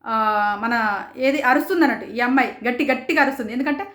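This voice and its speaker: Fast, high-voiced woman. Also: a bit bright, roomy sound. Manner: rapid, rhetorical, indignant, quotes others in raised voices. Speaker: show reviewer. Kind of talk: passionate commentary.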